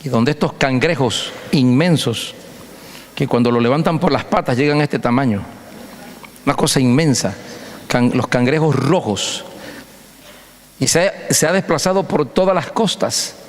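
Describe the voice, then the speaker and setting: A man's voice: medium pitch, unhurried, long pauses. Emphatic preaching man in a reverberant church hall. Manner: emphatic preaching with repeated phrases and storytelling. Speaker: pastor. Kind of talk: sermon.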